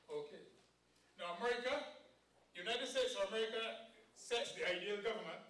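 Caribbean preacher, high and bright, quizzes his flock; recorded far off in a roomy hall. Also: moderate pace. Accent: Caribbean English. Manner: quizzes the audience with rhetorical questions, quotes scripture. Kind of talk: camp meeting sermon. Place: hall at a church camp. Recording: echoey room, voice far from the mic.

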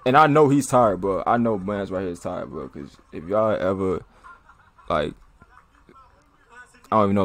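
A man's voice: deep voice, creaky, fairly bright tone. A man hosting a reaction video, giving laid-back, slangy commentary on a fight with frequent exclamations and chuckles.

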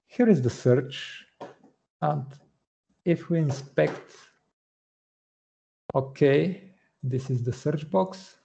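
Slow, gravelly man demoing code. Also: on the high side, warm tone, dull audio. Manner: methodical, explanatory, many "uh" pauses. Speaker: front-end developer presenting. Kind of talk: screen-share coding walkthrough.

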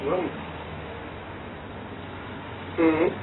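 A man's voice: on the high side, slow, noisy background. Distant, echoey man teaching religion. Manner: rambling, animated, demonstrating to listeners. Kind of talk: informal religious lesson. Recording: echoey room, distant phone-like mic.

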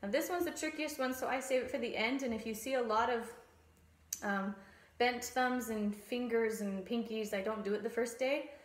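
A woman in her thirties, a strings teacher explaining a bow hold drill in a relaxed way with frequent ums. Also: fairly high pitch, moderate pace. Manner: relaxed explaining with frequent ums, sings nursery rhyme verses. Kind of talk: demonstration lesson. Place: small room at home, indoors. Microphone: camera mic, phone or webcam framing. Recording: echoey room.

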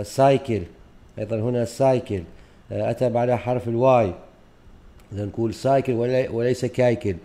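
Man, teacher, very dark and mellow tone, slow hesitant lesson delivery. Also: mid-range voice. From Oman. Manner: patient, hesitant, many drawn-out fillers. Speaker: English teacher. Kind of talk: explaining a textbook unit.

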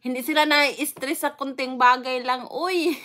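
A woman's voice: sits high, fairly even intonation, measured pace, pushed and bright. A Filipino woman from the Philippines chatting casually on a live stream, greeting viewers one by one with frequent fillers and laughs.

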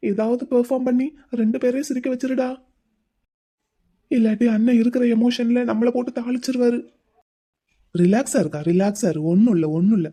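A woman's voice: a little high, warm tone, close to an everyday voice. A woman voicing a caring, playful young man in a cartoon, coaxing and teasing his crying older sister in a chatty way. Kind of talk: Tamil cartoon voice acting.

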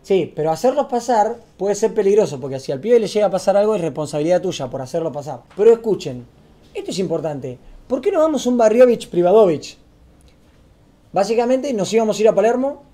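Excitable Argentine young man telling a story. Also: high voice. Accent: Argentine Spanish. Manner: fast, excitable, slangy, rising loud when acting out scenes. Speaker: streamer. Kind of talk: casual storytelling to camera.

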